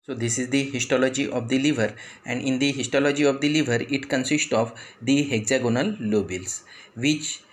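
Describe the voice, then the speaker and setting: A man's voice: mid-range voice, fairly even intonation, a little fast. A man with an Indian English accent teaching anatomy, pointing out parts on a model step by step, with frequent "that is" and "after then" phrasing. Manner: explains step by step, pointing out structures. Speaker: anatomy lecturer.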